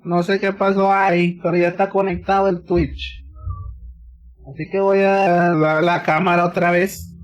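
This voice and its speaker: A man's voice: high-pitched, level tone, measured pace, muffled recording. A male gaming streamer chatting casually in an exaggerated Dominican Spanish accent, playfully switching between English and Spanish. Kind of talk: casual live-stream chat.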